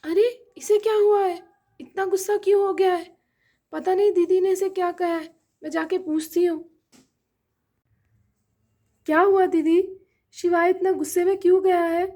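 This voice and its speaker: A woman voicing a gentle, worried mother-in-law in a doll-play drama, soft and pleading. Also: extremely high pitch, fairly even intonation, normal speed, pauses often. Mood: anxious.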